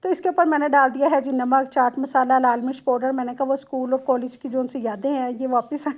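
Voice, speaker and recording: Woman with a Lahori accent, high voice, chatty homely cooking voice-over, talks straight to viewers. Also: fairly even intonation, quick pace. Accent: Lahori Punjabi-tinged Urdu. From Lahore, Pakistan. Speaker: home cooking vlogger.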